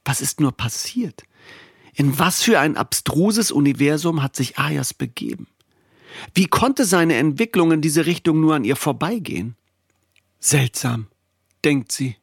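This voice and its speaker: A man narrating a story in a steady, expressive reading voice. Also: fairly high pitch, measured pace, gravelly, slightly rough, no echo, clean studio sound. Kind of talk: audiobook storytelling.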